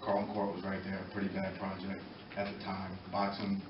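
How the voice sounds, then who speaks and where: At a public meeting, a middle-aged former boxer from Norwalk, Connecticut, gives earnest, halting, impromptu testimony backing a youth program, pausing between short phrases. His voice is deep and monotone. He's far from the mic in an indoor meeting room, so the recording sounds echoey, muffled, distant and noisy.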